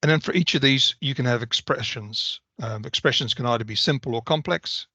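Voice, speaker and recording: A bright-toned man on a video call. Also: mid-range voice, a little fast, no room sound. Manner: methodical, explanatory. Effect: video call audio. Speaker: software presenter. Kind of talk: technical product walkthrough. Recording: slightly dull video call audio.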